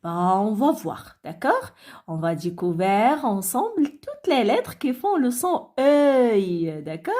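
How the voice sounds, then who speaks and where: A woman teaches children a phonics lesson at a very slow, careful pace, stretching out each word and sound. Her voice sits a little high and swings widely in pitch, with coaxing questions that keep checking the children follow. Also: sing-song, warm tone. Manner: slow, drawn-out word and letter pronunciation; coaxing, frequent checks like "d'accord?".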